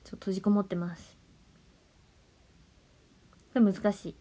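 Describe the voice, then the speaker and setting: A young woman, chatting playfully on a solo livestream and sometimes dropping to soft murmurs and whispers. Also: medium pitch, flat delivery, moderate pace. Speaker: idol livestreamer. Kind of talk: casual solo livestream chat.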